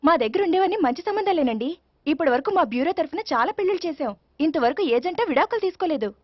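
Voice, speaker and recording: An actress playing an eager, salesy marriage bureau agent. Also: female voice, high-pitched, expressive, quick pace, no echo, dull audio.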